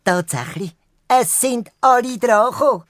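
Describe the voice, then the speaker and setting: A man playing a cheerful, excitable male parrot hero with a Swiss German accent, theatrical and playful in a children's audio drama. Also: extremely high pitch, normal speed, no room sound, clean studio sound. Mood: eager storytelling.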